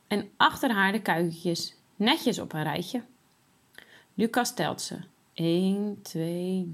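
A woman reading a children's story aloud in an expressive storytelling manner. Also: mid-range voice. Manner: expressive, sing-song storytelling.

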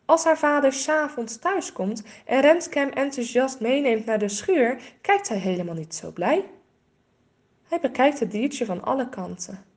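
A woman reading a children's story aloud, expressive and clear. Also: high-pitched, unhurried.

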